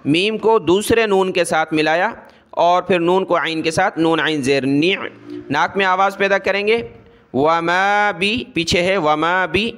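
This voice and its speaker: A man teaching Quran recitation, slowly chanting verses and breaking them into letters with quick spoken instructions. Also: high-pitched, a bit bright, clear, resonant tone. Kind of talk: slow recitation lesson with spoken explanations.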